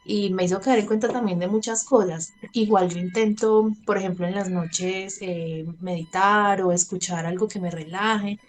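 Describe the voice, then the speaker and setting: A woman's voice: medium pitch, fairly even intonation, moderate pace, few pauses. Candid Colombian woman in her thirties. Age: 30s. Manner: candid, laughs between sentences, acts out her own past words. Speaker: interviewee. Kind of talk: personal testimony in conversation.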